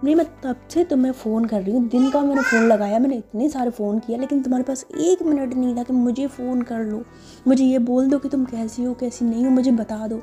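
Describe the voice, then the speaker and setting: A woman's voice: high voice, fairly even intonation, fairly quick, mellow, faint music behind, close to an everyday voice. A woman voicing a jealous, hot-tempered young woman who scolds sharply and sulks. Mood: angry, accusing.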